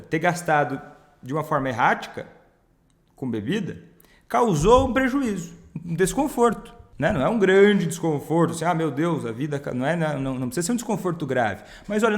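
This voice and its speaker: A man giving conversational advice on a loved one's drinking, asking rhetorical questions and acting out short quotes. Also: a little high. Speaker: family counselor on alcoholism. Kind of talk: direct-to-camera advice talk.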